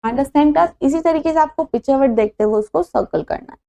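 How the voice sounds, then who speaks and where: A woman's voice: sits high, brisk, creaky, dark tone. A woman teacher with an Indian accent, giving a phonics lesson in Hindi and English, spelling each word letter by letter before reading it.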